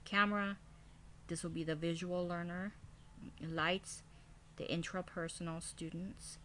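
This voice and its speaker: Female teacher, low voice, scripted classroom presentation delivered item by item, slightly noisy home-made recording. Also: level tone, measured pace. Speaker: kindergarten teacher. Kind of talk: scripted presentation, reading out a lesson plan.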